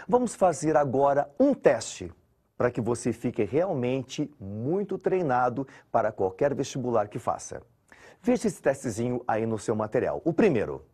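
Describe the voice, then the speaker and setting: Brazilian man, exam-prep grammar teacher, animated pitch, slightly husky, talks to students directly. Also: normal speed. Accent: Brazilian Portuguese. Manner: lively, explains step by step and addresses students directly.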